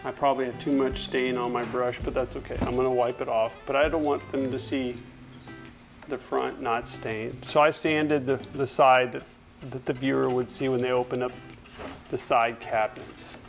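A furniture refinisher talks casually in his indoor workshop as he brushes and wipes stain at a paint-spattered table, rambling and correcting himself mid-sentence. His voice is gravelly and medium in pitch, with a level tone and normal speed. He's recorded on a lapel mic with music playing underneath.

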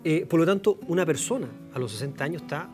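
Male TV host, fast and playful, light higher voice, music bed behind. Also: expressive. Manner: playful, joking, quick questions. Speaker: TV show host. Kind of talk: casual TV talk show chat.

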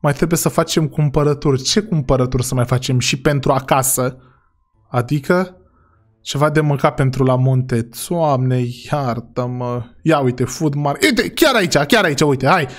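A man's voice: mid-range voice, steady tone. A young man hosting a comic family role-play over a game, exasperated and often talking straight to his viewers. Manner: exasperated, keeps sighing to God and talking to viewers. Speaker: gaming channel host.

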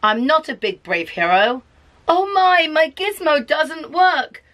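A woman's voice: sits high, animated, slow, a bit bright, voice pushed up, heavily acted. A woman reading aloud and voicing a small, timid alien boy in a children's picture book. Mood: worried.

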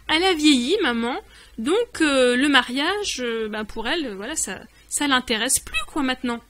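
Bright high-voiced woman teaching patiently. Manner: patient, repeats and glosses each word. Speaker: online language teacher. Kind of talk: explaining a dialogue step by step.

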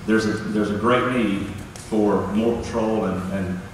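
Middle-aged guy, lowish voice, keeps restarting, echoey hall, hissy far-off recording. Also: fairly even intonation. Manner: halting, restarts often. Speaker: sheriff candidate at a forum. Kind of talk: public forum answer. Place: large church hall, indoors. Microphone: handheld mic, filmed from far.

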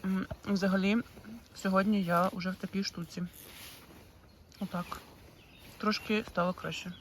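A woman of middle pitch chats straight to her viewers as a travel vlogger, with quick self-mocking asides. Her voice sounds roomy and sits a little away from the mic. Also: flat delivery, far from the mic, a little hiss or hum. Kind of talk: casual talk to camera.

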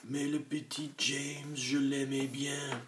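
A man's voice: mid-range voice, level tone, takes it slowly, voice pushed up, close to an everyday voice. A man doing a sobbing, gloomy earthworm. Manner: sobs and grumbles. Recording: echoey room with noise.

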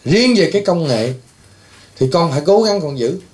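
A male priest with a high-pitched voice. He rambles, scolds and lectures his listeners, often breaking into exclamations. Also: lively intonation, normal speed, a little mellow. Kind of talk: scolding talk to patients.

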